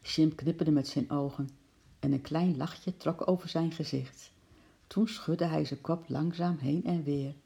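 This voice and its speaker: A woman reads a children's story aloud at a steady storytelling pace. Her voice is low and gravelly, with a dark, husky tone. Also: unhurried. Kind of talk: reading a children's book aloud.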